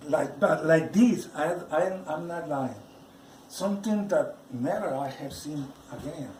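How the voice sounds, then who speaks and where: A man, not a native English speaker, giving a personal religious testimony in halting speech, often restarting and repeating his words. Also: on the high side, a little mellow, slight background noise. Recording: roomy, from some distance off the mic.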